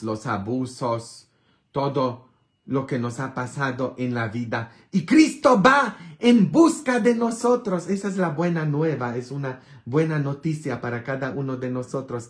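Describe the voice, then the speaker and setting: Slow, bantering priest. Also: male voice, mid-range voice. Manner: bantering, earthy humor, constant tag questions; sudden loud emphatic bursts. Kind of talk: informal sermon.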